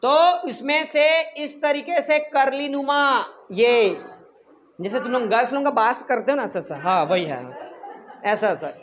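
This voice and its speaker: Speaking at a measured pace in an extremely high voice, a teacher runs a lively class, joking, quizzing and teasing students, and snapping at those who chatter. Faint noise lies under his speech.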